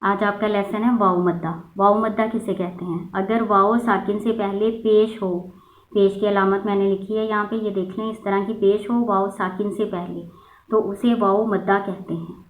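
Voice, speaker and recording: A woman teaching a step-by-step Quran reading lesson, patiently slowing down to sound out each example. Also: mid-range voice, steady tone. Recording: echoey, phone-like lo-fi sound.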